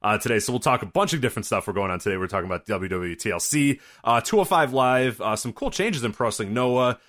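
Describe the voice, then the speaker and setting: A man's voice: medium pitch, lively intonation, fast, fairly bright tone. A man hosting a podcast with casual banter. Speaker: podcast host.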